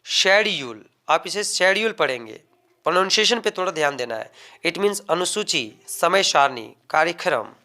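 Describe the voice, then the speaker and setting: A man teaching vocabulary, slowly repeating each word and explaining it. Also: fairly high pitch, expressive, bright, forceful tone. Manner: slow, drawn-out word drills with Hindi explanations. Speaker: English teacher. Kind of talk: vocabulary lesson.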